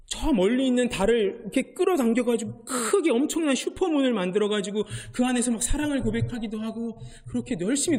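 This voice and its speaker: A man preaching in a church sanctuary, his voice high and full of swooping rises and falls. He tells the story in an animated way and acts out each quoted line. Long reverb from the hall trails behind his words. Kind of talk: sermon.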